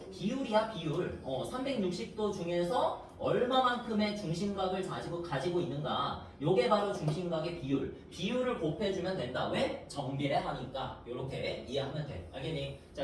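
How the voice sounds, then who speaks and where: A man teaches a math lesson at the board, his pitch moving up and down a lot as he keeps asking the class whether they follow. He is recorded from a distance in a very echoey room, with a faint hiss of noise behind him. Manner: coaxing, asks students check questions.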